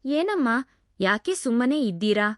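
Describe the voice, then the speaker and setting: A woman's voice: a little high, big pitch swings, unhurried, no room sound, studio quality. A woman voicing a caring young female housemaid who speaks in a soothing, coaxing way. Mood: pleading. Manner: soothing, pleading.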